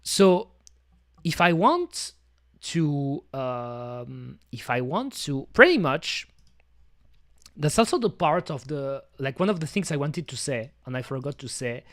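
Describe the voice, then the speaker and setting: A man's voice: fairly high pitch, sing-song, slow, a bit bright, dry recording, studio quality. A man chatting casually on his stream, rambling and talking to himself with many fillers and restarts. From French-speaking. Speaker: VTuber streamer.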